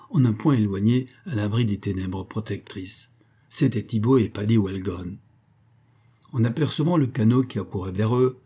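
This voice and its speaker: Low, husky male storyteller. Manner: steady, measured storytelling. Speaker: audiobook narrator. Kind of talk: scripted narration of an adventure novel.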